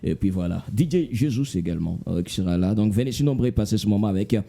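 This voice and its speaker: A man's voice: fairly low pitch, animated, fast talker, vocal fry, warm tone. A man presenting as a co-host, informal and a little hesitant, in a conversational announcing style.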